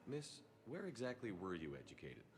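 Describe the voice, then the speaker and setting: A video game military commander with a lowish voice and lively inflection. He is steady, polite and dryly sardonic. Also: normal speed, a crowd in the background. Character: steady, dry-witted military commander man. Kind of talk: video game character dialogue.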